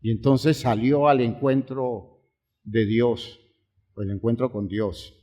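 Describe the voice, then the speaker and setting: A male pastor preaches a sermon, swinging between hushed, quiet lines and high, pleading outbursts. He speaks slowly with fairly even intonation.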